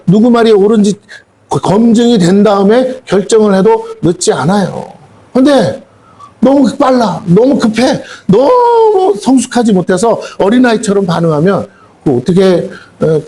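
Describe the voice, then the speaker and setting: A man's voice: sits high, darkish tone. A middle-aged male pastor giving a folksy, colloquial sermon full of rhetorical questions to his congregation. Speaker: senior pastor. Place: church sanctuary.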